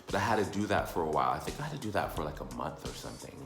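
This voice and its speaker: A man giving a casual, rambling personal update in halting explanations with repeated words. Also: a bass voice, very animated, a bit bright, echoey room, soft background music. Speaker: vlogger.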